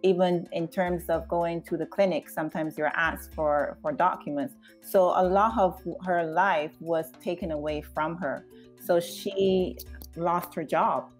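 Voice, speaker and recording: A woman from Barbados, a screenwriter, speaking thoughtfully in an interview with frequent pauses. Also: on the low side, steady tone, faint music behind. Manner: thoughtful, measured, with many "uh" pauses. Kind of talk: interview conversation.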